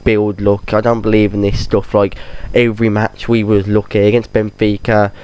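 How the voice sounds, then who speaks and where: A man with a head cold rambles casually over game footage. His voice sits fairly low and stays level, with a smooth, clear tone. He keeps breaking off and restarting his sentences. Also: little pitch movement, normal speed, a little mellow. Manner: rambling, chatty football-fan talk with many restarts. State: has a cold. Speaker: gaming channel host.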